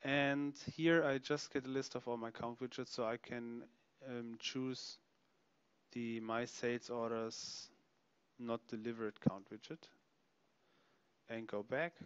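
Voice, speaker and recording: A man narrating a software product demonstration, explaining features step by step as he clicks through them. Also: mid-range voice, level tone, takes it slowly, pauses often, smooth, no room sound, highs cut off. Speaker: software demo presenter.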